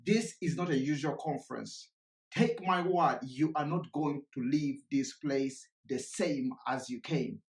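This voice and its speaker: Ugandan-born male presenter, energetic motivational delivery, slightly high voice, echoey room sound. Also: a little slow. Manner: energetic, repeats himself, many restarts. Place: home setup presenting live remotely.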